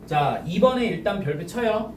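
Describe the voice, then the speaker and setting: Lively high-voiced male teacher lecturing. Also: echoey room, distant mic, slight background noise. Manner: slow, emphatic dictation of key points, frequent check-ins with students. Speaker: high school Korean teacher. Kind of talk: classroom lecture. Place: classroom.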